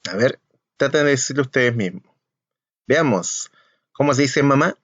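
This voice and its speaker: A man teaching a language lesson to young children, repeating each word slowly and clearly for the pupils to copy, with a Chilean Spanish accent. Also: medium pitch, lively intonation, fairly bright tone, no room sound. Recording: slightly muffled, dry recording.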